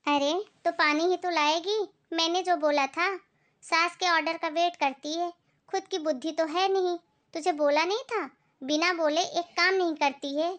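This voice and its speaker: A woman's voice: very high-pitched, fairly even intonation, normal speed, dry recording. A woman playing a nagging, scolding mother-in-law. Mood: complaining. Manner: complaining, sharp-tongued, self-righteous. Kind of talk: comedy skit acting.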